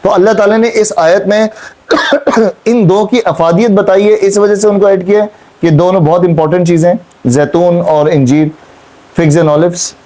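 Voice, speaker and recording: A man's voice: high voice, normal speed, darkish tone. A man teaching a Quran class, explaining verses and questioning his students, repeating key points. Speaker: Islamic teacher.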